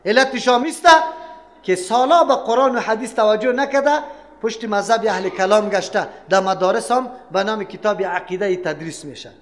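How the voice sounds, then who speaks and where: An Afghan Dari-accented man teaches Quran commentary in a very high-pitched voice, pressing his listeners with rhetorical questions. His lecture echoes with a long hall reverb around him. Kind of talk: sermon-style Quran lesson.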